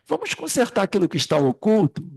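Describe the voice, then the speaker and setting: A man's voice: high-pitched, big pitch swings, quick pace, gravelly, slightly rough. A man leading an informal spiritist study class, rambling through anecdotes and speaking straight to the group. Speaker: class facilitator.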